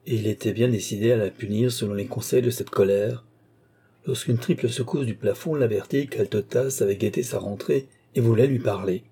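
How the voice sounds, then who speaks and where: A male audiobook narrator reads a classic novel in a measured, steady voice. His tone is dark and mellow, with a husky grain. He keeps an unhurried, even delivery through long sentences. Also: medium pitch. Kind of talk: scripted literary narration.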